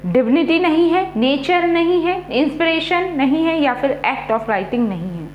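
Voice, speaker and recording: Woman teacher, high and slow, running a quiz lesson. Echoey room, faint hum. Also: lively intonation, highs cut off. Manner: poses questions, repeats options slowly, then gives the answer. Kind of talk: exam prep quiz lesson.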